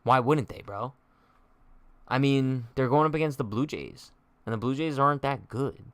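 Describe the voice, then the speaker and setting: A man's voice: mid-range voice, moderate pace, no echo. A young man hosting a live-stream sports chat, trash-talking in a joking way, heavy on slang, and reading viewer comments aloud. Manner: slangy, says "bro" a lot. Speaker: sports show host.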